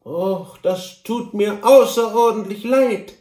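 A man's voice: high-pitched, normal speed, a little mellow, echoey room, distant mic, pitched above the performer's own voice, natural voice. A man voicing a fussy, sorrowful cantor who frets and stammers. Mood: regretful. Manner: fretful, stammering.

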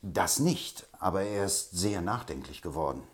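A man's voice: sits low, animated, normal speed. A man doing a self-important, eager informant. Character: eager male informant, bearer of news.

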